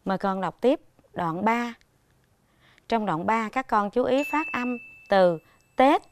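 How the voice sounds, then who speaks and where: A woman primary school teacher giving a televised reading lesson to young children, speaking patiently and enunciating clearly. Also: mid-range voice, animated, takes it slowly, a little hiss or hum.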